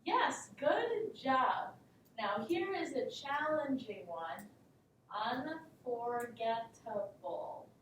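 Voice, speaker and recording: A woman's voice: big pitch swings, slow pace, fairly bright tone. A woman acting as a teacher in a mock classroom lesson, patient and instructive. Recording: echoey room, distant mic, faint rumble.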